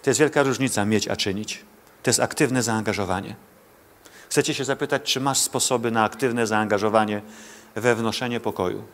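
A man's voice: lowish voice, normal speed. A male pastor preaching a sermon to a congregation in church, speaking directly to listeners, pleading and asking rhetorical questions.

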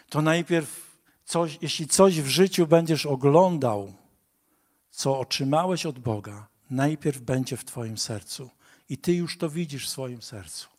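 A man's voice: mid-range voice, a little mellow. A man preaching a sermon, earnest and direct, rising to emphatic appeals to his listeners.

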